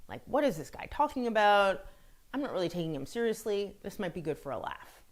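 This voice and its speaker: A woman's voice: medium pitch, sing-song, a little fast. A woman from France hosting her own video blog, telling a personal dating story in a candid, chatty way with blunt swearing. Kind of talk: casual storytelling monologue.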